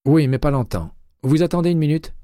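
A male audiobook reader voicing a guarded female police detective, raising his voice for her brisk, clipped phone talk. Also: on the high side, animated, dark tone, no echo, clean studio sound, voice pushed up, natural voice.

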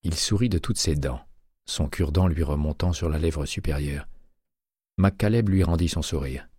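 A man narrating an audiobook thriller in an even, steady reading. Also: a bass voice, moderate pace, slightly rough, no echo, clean studio sound.

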